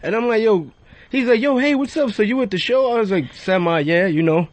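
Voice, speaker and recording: A man's voice: high-pitched, a little fast, dry recording. A man, a regular on a radio show, casually telling an anecdote and acting out the dialogue in it. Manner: casual storyteller who acts out dialogue.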